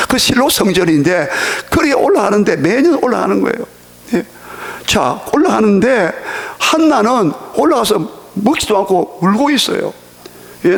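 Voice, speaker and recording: Emphatic high-voiced male pastor. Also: vocal fry. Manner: emphatic, repetitive, asks the congregation questions. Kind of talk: sermon. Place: church.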